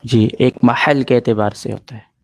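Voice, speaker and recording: A patient middle-aged man teaching a grammar class, going over each rule more than once. His voice has an average pitch and sounds close and dry, with no room echo. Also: steady tone, creaky, a little mellow. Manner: patient, repeats points and answers students' questions.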